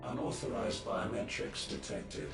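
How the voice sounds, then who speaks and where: An actor voicing a stern male tower security system in a game, making slow, clipped announcements. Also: on the low side, wildly swooping pitch, gravelly, recorded from a distance, full character voice. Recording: roomy game audio from afar under music.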